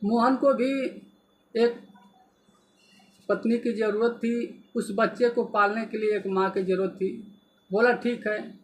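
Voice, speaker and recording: Slow high-voiced male storyteller. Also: steady tone, rough recording. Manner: slow, plain storytelling with repeats and self-corrections. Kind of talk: spoken folk story narration.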